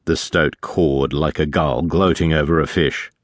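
A man narrating a fantasy audiobook in a measured storytelling manner. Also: rumbling low, steady tone, no echo, clean studio sound. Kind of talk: scripted narration.

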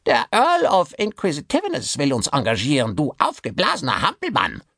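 A shrill, rasping ventriloquist's dummy. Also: male voice, huge pitch swings, fairly quick, pushed and bright, no room sound, studio quality, full character voice. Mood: scornful. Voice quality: high, rasping voice. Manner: insulting, contemptuous. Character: sneering spiteful male ventriloquist's dummy.

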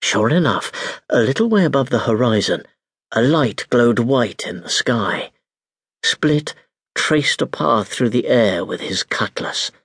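A man narrating a children's storybook in an expressive, unhurried way. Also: mid-range voice, slightly rough, no echo, studio quality. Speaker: audiobook narrator.

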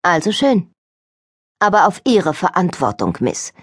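A woman putting on a grim, suspicious older servant woman with a low, husky, grumbling voice. She scolds sternly and dryly, never softening, from a storybook reading. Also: very animated, a little slow, no echo, studio quality, heavily acted. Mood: grim, scolding.

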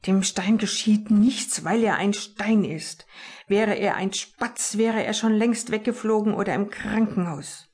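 A woman's voice: medium pitch, unhurried, a little mellow, husky. A woman voicing an anxious, clever little male sparrow who hisses his remarks, in a storybook reading. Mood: hissing. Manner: hissing, fretful.

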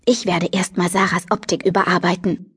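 A woman's voice: on the low side, little pitch movement, brisk, fairly bright tone, husky, no room sound, clean studio sound. A woman reading a bubbly, fashion-crazy teenage girl who plays matchmaker, chirpy and pushy in an audiobook.

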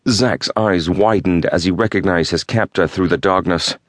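A man narrating a thriller audiobook in a measured, steady storytelling manner. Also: low voice, no room sound, clean studio sound.

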